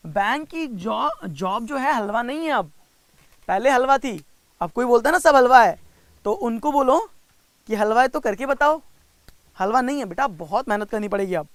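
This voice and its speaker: A young Indian man teaching reasoning in a live online class, mixing Hindi with English, coaxing and teasing students by name and slowing down to spell out each step. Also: very high-pitched, animated, fairly bright tone, dry recording. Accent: Indian English mixed with Hindi. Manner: coaxing and teasing, reads out student names, slows down to spell out steps. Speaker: reasoning teacher for bank exams.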